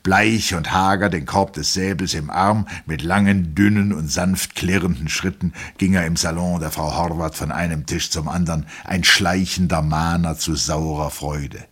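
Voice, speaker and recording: A man reading a novel aloud as narrator, in calm, even storytelling. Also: low-pitched, slightly rough.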